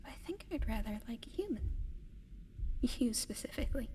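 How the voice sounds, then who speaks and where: A woman whispers to the listener as a gentle, eager giant alien adopting a human pet in an ASMR roleplay. Her voice sits on the high side, expressive yet close to everyday speech, soft, breathy, and hesitant with halting pauses, sounding excited and gentle. Long reverb and audible background noise color the recording.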